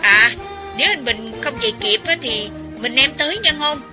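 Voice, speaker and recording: A man voicing a bossy young woman who shouts commands over a phone line. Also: very high voice, expressive, normal speed, music in the background, pitched above the performer's own voice. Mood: pressing. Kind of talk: audiobook character voice.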